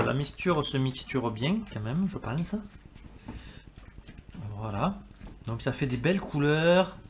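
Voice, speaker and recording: A man's voice: medium pitch, gravelly, noisy background. Chatty man cooking in a kitchen. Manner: chatty, talks while cooking, jokey asides. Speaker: cooking video host. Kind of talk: casual cooking demonstration.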